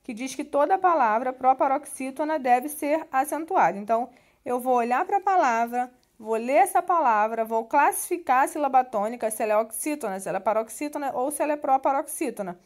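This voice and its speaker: A woman's voice: high-pitched, lively intonation, brisk. A woman teacher with a Brazilian Portuguese accent explains a textbook lesson patiently, often adding little tag questions as she goes. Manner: patient, explanatory, with frequent "né" tags and restarts. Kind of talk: classroom lesson walking through a textbook.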